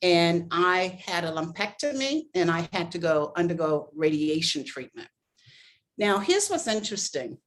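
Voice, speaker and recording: Lower-voiced earnest woman guest. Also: sing-song. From Boston, East Coast. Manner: earnest, grateful, measured. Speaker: life coach guest. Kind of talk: interview.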